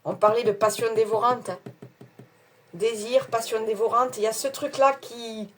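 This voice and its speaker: At a moderate pace and with a steady, slightly high voice, a woman reads tarot cards to her viewers. She has a non-standard French accent and a chatty, hesitant style full of fillers, often laughing at herself.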